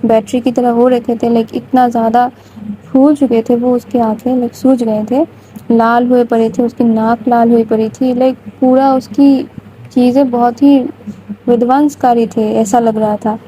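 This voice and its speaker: A woman's voice: fairly high pitch, little pitch movement, mellow, slight background noise, rough recording. A woman casually retelling a love story in a chatty, informal way. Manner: chatty, informal, frequent English fillers.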